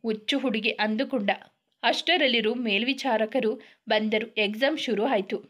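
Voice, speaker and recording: A woman narrates a romantic family story with a fairly high voice. She reads it steadily, like a prepared script, and voices each character's lines in much the same voice. The telling stays calm and even throughout. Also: normal speed.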